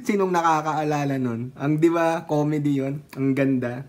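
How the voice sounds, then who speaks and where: Blunt, mocking high-voiced man. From Philippines. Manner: blunt, mocking, quick to laugh. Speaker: online commentator. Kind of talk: casual news commentary.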